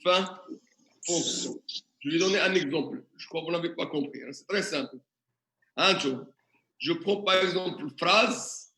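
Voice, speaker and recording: In an echoey classroom, a man leads a tutorial, posing questions to students and taking examples one step at a time. He speaks at an unhurried pace in a high, bright voice, with slight background noise behind him.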